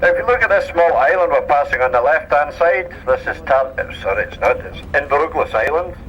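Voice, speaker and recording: A man's voice: on the high side, expressive, fairly quick, fairly bright tone, dull audio, a little hiss or hum. A Scottish man giving a joking safety briefing and tour commentary as a ship tannoy announcement. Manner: dry, joking patter. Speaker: tour boat crewman.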